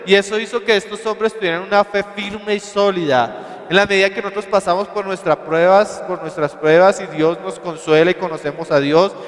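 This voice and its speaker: Male preacher with a Colombian accent, high-pitched, reads verses slowly and drives points home with questions; church-hall reverb. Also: steady tone. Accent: Colombian Spanish. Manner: reads scripture slowly, then explains with emphasis; addresses listeners as brothers with rhetorical questions. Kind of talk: sermon.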